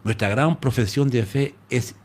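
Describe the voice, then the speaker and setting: A pastor from Chile with a Chilean Spanish accent, preaching a live-streamed sermon in an animated storytelling manner. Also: male voice, medium pitch, a little slow. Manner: animated storytelling, addresses listeners as "hermano".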